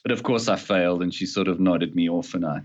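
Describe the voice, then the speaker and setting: A man from Utah chatting as a guest on a remote call, a laid-back storyteller who drops into low mumbles. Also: quick pace, dull audio. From Utah, USA. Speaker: guest, former touring guitarist. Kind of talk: casual chat.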